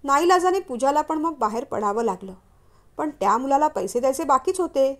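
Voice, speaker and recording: A woman reads a story aloud in a high voice. Her telling is smooth and steady, scripted narration. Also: fairly quick.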